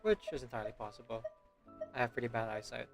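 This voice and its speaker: Game music plays behind a fast-talking streamer with a medium-pitched, fairly even voice. He comments casually on his gameplay, thinking aloud hesitantly and letting his thoughts trail off.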